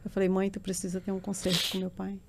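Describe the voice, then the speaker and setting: A woman's voice: medium pitch, completely flat delivery, fast, creaky, noisy background. Emotional woman giving testimony. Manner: earnest, emotional storytelling that swells into tearful intensity.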